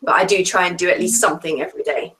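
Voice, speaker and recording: A woman with a lowish voice speaks steadily on a casual video call, laying out her thoughts in an orderly way. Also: very fast, rough recording. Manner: steady, organized explanation. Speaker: author and freelance editor.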